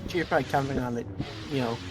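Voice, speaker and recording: Guy doing casual lets play commentary, kinda halting, thinking out loud, game music going behind him. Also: mid-range voice, steady tone, rough recording. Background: game music and effects.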